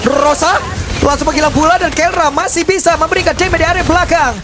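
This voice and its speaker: A high-voiced Indonesian play-by-play caster works like an excited fighting game announcer. The delivery races along and swells into drawn-out, dramatic calls, with music clearly playing behind.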